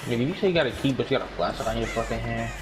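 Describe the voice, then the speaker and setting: A man's voice: medium pitch, racing, background noise. Slangy, profane male gamer. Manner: profane, slangy, repetitive when excited. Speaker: video game player. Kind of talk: casual gaming chat with live reactions.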